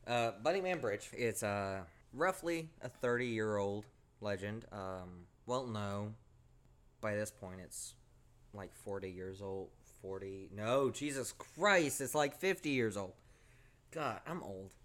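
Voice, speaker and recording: Low-voiced casual man in his twenties. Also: expressive, takes it slowly, fairly bright tone. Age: 20s. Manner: rambling, swears casually, self-deprecating. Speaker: podcast co-host. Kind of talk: casual chat.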